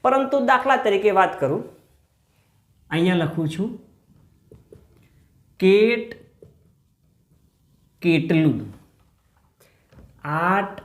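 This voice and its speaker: A man teaching a grammar lesson. He poses questions to the class, says example words slowly, and checks in with "hm?". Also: sits high, lively intonation. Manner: asks the class rhetorical questions. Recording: echoey room.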